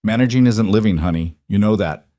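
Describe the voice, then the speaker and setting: A male narrator voices a wise older mother who coaxes gently and persistently. Her voice sits a touch above his low register. The recording is close and dry. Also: a little fast, no echo, lightly acted. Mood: coaxing.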